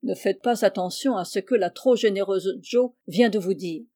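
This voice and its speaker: A woman's voice: mid-range voice, moderate pace, warm tone, close to an everyday voice. A woman voicing a courteous, playful teenage boy who speaks formally and graciously in a storybook. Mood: gallant.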